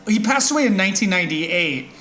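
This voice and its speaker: Podcast co-host, man, high voice, laid-back chat. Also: fast talker. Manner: relaxed, reads from notes. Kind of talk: casual chat.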